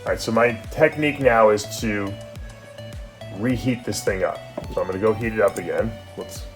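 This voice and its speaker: A man who breeds snakes, talking casually through a feeding vlog and sometimes dropping to a hushed voice. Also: fairly low pitch, moderate pace. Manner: chatty, drops to a hush. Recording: background music.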